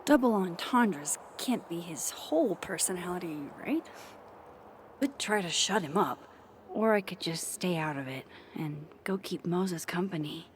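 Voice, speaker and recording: A woman's voice: on the low side, lively intonation, a little slow, a little hiss or hum. An actress voicing a sarcastic, guarded young woman in a video game, with dry asides that sometimes drop to a whisper. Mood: wry. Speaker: game protagonist, photography teacher.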